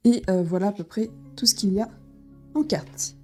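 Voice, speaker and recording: A woman talks through a board game she is unboxing, in a casual, halting way full of fillers and restarts. Her voice sits at an ordinary middle pitch. Soft background music plays faintly behind her. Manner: hesitant, many fillers and restarts.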